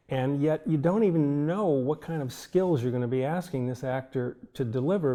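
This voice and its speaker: Older man with a mellow voice recalling his filmmaking. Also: mid-range voice. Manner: thoughtful, anecdotal, chuckling. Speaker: film director. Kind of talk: reflective interview storytelling.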